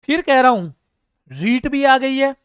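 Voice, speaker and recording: Here a man with a very high-pitched, animated, smooth voice speaks a little slowly, with no room sound. He quizzes students in a live online exam-prep class, reads their names out and praises them, telling funny stories in a humorous, narrative way.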